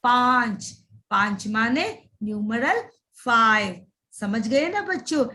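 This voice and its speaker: A woman's voice: fairly high pitch, animated, takes it slowly, pushed and bright. A woman teaching young children in a recorded lesson voice-over, drawing out words in a sing-song way and repeating them.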